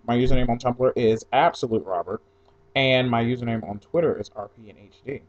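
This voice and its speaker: A brisk, medium-pitched male voice belongs to a young blogger from New Jersey who was mostly raised in Atlanta. Reading a questionnaire aloud for his audio post, he keeps it casual and lets his thoughts wander, in a slightly dull lo-fi home recording.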